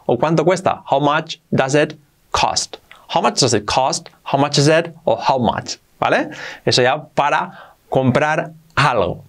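Man, video English teacher, drills phrases slowly with animated pitch leaps, rushes the asides. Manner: repeats phrases slowly, lively pitch jumps. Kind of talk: video lesson.

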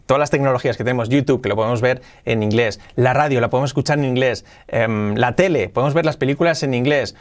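A man from giving an energetic online lesson as an English teacher, punching out each numbered tip. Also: mid-range voice, quick pace, hardly any pauses.

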